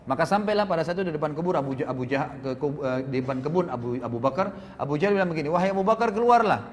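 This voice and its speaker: A man preaching a storytelling sermon in a mosque, acting out the quoted speakers' lines with a rising voice. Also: racing. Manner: animated, acts out quoted voices with rising pitch. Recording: reverberant hall with faint noise.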